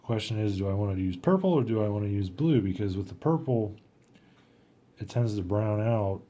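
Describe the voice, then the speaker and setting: A man's voice: lowish voice, expressive, normal speed, warm tone. A man casually talking through his watercolor technique as he paints, thinking aloud and often trailing off. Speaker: watercolor artist.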